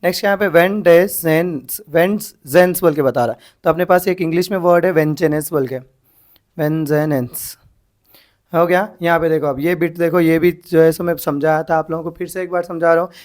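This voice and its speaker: A man teaching an exam-prep English lesson, spelling words out letter by letter and asking himself questions as he goes. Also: a little high. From India. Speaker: English grammar tutor.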